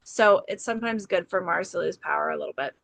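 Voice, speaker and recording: A woman's voice: lowish voice, fast talker, gravelly, a bit bright, dry recording. A woman co-hosting an astrology podcast, talking in a bubbly, chatty way with many "like"s and "okay"s. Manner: bubbly, chatty, filler-heavy with frequent "like" and "okay". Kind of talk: casual chat.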